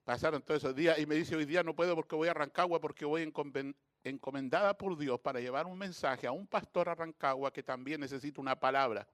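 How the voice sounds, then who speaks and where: A man's voice: on the high side, quick pace, few pauses, dry recording. A middle-aged Chilean man preaching a sermon as pastor, telling stories with passion and building to fervent exhortation.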